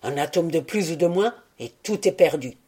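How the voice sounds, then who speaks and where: An anxious, obsessive scientist husband, voiced by a woman reading an audiobook speaks low and urgently. The voice sits lower than her narration, darker and mellow, with a pressing intensity throughout. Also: lively intonation, normal speed, breathy edge. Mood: tense.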